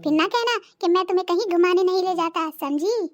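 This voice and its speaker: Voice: very high voice, brisk, highs cut off. A voice artist playing a henpecked older cartoon husband who teases his wife and complains about her. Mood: teasing. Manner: mocking, wheedling, complaining. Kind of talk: cartoon voice acting.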